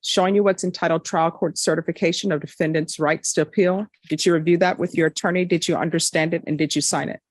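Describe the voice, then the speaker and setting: A woman's voice: on the low side, steady tone, no echo. A woman judge speaking firmly and directly at a courtroom hearing, addressing defendants. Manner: firm, measured, direct.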